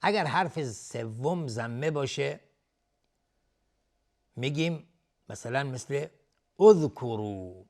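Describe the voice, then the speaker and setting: A middle-aged man teaching Quran recitation on television, explaining each rule step by step and reciting verses in a slow, drawn-out chant. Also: medium pitch. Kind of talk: tajweed lesson for television.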